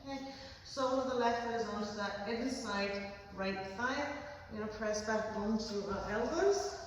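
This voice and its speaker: A woman leading a yoga class with gentle, steady cues, often checking in with a quick "okay?". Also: on the high side. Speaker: yoga instructor. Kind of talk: guided yoga class instruction. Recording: very echoey room, voice far from mic, faint background noise.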